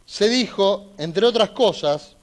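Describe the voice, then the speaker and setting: Emphatic defense lawyer, higher voice. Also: male voice, animated, slow pace. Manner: emphatic, argumentative, repeats points for emphasis. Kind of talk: courtroom closing argument.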